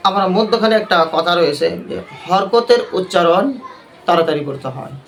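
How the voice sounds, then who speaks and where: A man's voice: high-pitched, brisk, slight background noise. A man teaching a Quran recitation class, quizzing the class with repeated questions and leading call-and-response.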